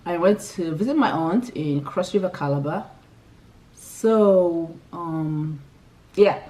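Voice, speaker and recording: A young Igbo woman from Imo State, Nigeria, chats casually on her vlog as she works through a tag list of questions. Her lowish, slightly mellow voice was recorded from a distance. She giggles and often restarts her sentences.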